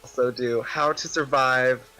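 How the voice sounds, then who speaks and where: Chatty male streamer at a middle pitch, loose and rambling, with soft music in the background. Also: fairly even intonation, unhurried, poor audio. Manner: chatty, rambling with many fillers. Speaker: gaming streamer. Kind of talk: casual chat while gaming.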